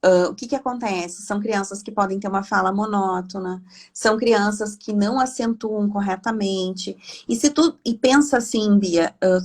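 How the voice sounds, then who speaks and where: A woman, a speech therapist speaking from home on a video call in a live online talk, explaining in a chatty, animated way. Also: medium pitch.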